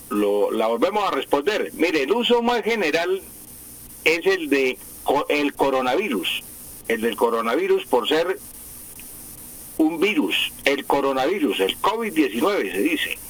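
A man's voice: medium pitch, husky. A man, a language expert on a live radio news show, explaining patiently with frequent hesitations and repetitions over a phone line. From Colombia. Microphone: phone line to the studio.

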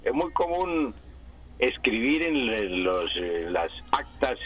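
A man's voice: medium pitch, very animated, low-quality recording. Didactic male radio language expert. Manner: didactic, repeats words slowly to contrast pronunciations. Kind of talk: explanatory radio call-in answers. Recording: radio broadcast with faint noise.

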